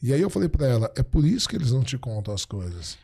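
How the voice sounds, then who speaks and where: A middle-aged man, a podcast guest, chatting casually and telling stories, acting out the dialogue he quotes in an animated way. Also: mid-range voice, fast talker, creaky, husky. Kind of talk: casual storytelling chat.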